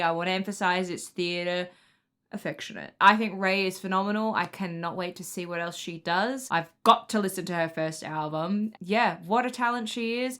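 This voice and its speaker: A young woman with an English accent hosting a casual music reaction video, chatty and excitable, laughing often. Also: mid-range voice. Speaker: music reaction channel host.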